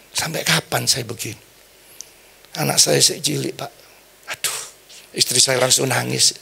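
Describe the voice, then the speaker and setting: Gravelly-voiced preacher. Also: male voice, fairly high pitch. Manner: animated storytelling preacher, acts out quoted voices. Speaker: pastor. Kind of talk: sermon.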